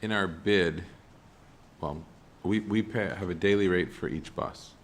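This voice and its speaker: Man explaining costs, very low voice, halting, self-correcting, faint noise behind. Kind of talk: meeting explanation.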